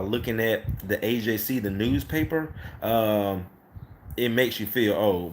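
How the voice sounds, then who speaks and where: A man's voice: on the low side, slight background noise. A man in his late thirties who owns a carpet cleaning business tells a casual, rambling story to camera, often repeating "next thing you know". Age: 30s.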